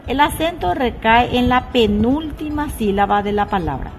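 A woman teaching a lesson, measured and repeating key points, dropping her voice on examples. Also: on the high side, lively intonation, faint music behind. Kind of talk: slow classroom explanation.

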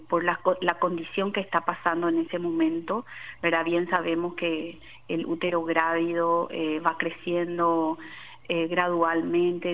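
Woman doctor as guest, calm explainer, muffled radio sound. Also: on the low side. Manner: measured, explanatory, frequent tag questions. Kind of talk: explanatory interview answers.

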